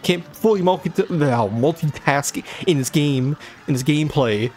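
Here the young gaming host sounds on the high side, with a darkish tone, at normal speed. He plays into a desk microphone, cursing constantly and joking at length at the game's boss.

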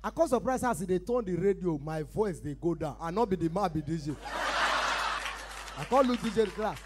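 A man with a Nigerian Pidgin accent doing a loud, chatty stand-up set on a live stage, calling out to the crowd as he tells his stories. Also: high voice, lively intonation, normal speed, a little hiss or hum. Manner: loud, chatty storytelling with crowd call-outs. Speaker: stand-up comedian.

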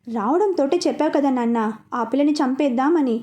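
A woman's voice: high voice, a little fast, mellow, close to an everyday voice. A woman voicing a scheming older father. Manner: hesitant, fumbling.

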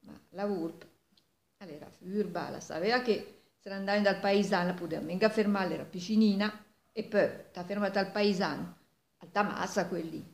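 An echoey home recording of an elderly woman with a Milanese accent telling a folk tale. Her pitch sits in the middle for a woman, and she tells the story in an animated way, as an oral storyteller. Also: moderate pace, vocal fry. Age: 70s. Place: living room at home, indoors. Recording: echoey room, distant microphone.

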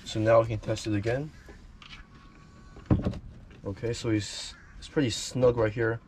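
A man with a mid-range voice and fairly even intonation talks at a measured pace, hosting a DIY boat how-to video. He gives casual, plain, step-by-step instructions while working with his hands. The on-location recording is clearly noisy.

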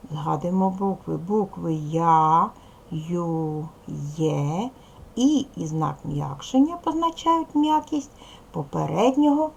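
A woman's voice: fairly low pitch, vocal fry, a little mellow, a little hiss or hum, poor audio. A woman primary school teacher giving a recorded video lesson to young pupils, patiently explaining, asking questions and praising answers.

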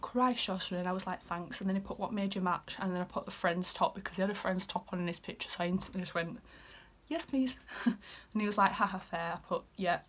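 A young woman in her twenties with a Yorkshire accent, chatting casually as she reads out messages and often drops into a whisper. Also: mid-range voice. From Yorkshire, England. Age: 20s. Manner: chatty, giggly, dips into whispers. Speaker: vlogger. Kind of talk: casual chat reading out messages.

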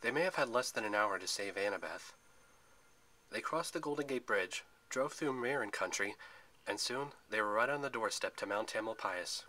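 A man narrating a story aloud in an expressive reading style, with the occasional slip. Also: fairly low pitch, normal speed, low-quality recording.

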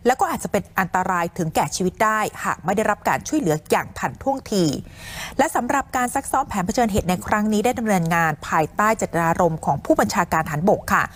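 ผู้หญิงรายงานข่าวตามบทด้วยน้ำเสียงผู้ประกาศที่สุภาพและเป็นทางการ. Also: female voice, mid-range voice, animated, fast. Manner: formal, polite announcer delivery. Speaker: news presenter. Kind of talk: scripted news narration.

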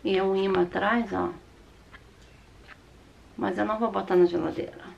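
Brazilian lady vlogger w a sore throat, bit hoarse n croaky, chatting casually, some noise behind. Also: mid-range voice, fairly even intonation, normal speed, dull audio. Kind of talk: casual chat showing purchases to camera. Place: small room at home, indoors.

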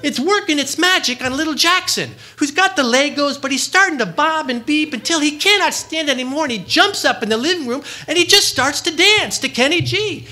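Animated, bright-voiced male storyteller. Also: very high voice, brisk, few pauses. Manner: animated storyteller who acts out quoted dialogue. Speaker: speaker giving a reflection. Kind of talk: storytelling sermon reflection.

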